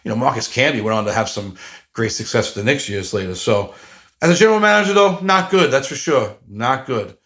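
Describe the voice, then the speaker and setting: With a mid-range, fairly bright voice, lively intonation and a slightly fast pace, a podcast host in his 40s delivers a casual solo monologue. He rambles, is self-deprecating, and uses many fillers and restarts.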